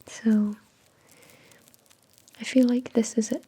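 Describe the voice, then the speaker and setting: A woman hosting an ASMR product review in a soft, breathy whisper, with an unhurried, measured delivery. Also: on the high side, flat delivery. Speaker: ASMR video host.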